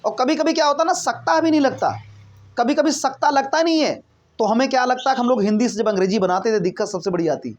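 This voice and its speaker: A man teaching a spoken English lesson, asking questions and answering them himself, often checking that listeners are following. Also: very high voice. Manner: explains by asking and answering his own questions; repeats points, checks in with listeners.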